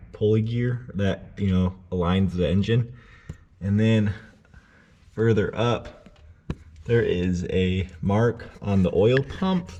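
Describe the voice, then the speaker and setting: Low mellow-voiced man explaining car repair. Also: dull audio. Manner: relaxed step-by-step explaining, addresses viewers directly. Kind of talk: casual how-to tutorial.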